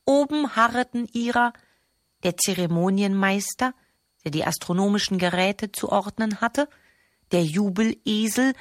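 Female narrator, literary reading, deliberate, very slow, dry close recording. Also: mid-range voice, no echo.

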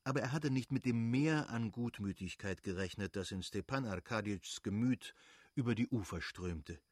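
A man reading a classic novel aloud as an audiobook narrator, in an even, measured way. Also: on the low side, breathy edge, no echo, studio quality.

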